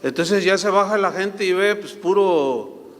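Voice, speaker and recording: A male pastor delivers his sermon in a fairly high voice. He slips into animated, anecdotal storytelling. His voice rings with a long reverb, as if he is preaching in a large church hall. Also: a little slow.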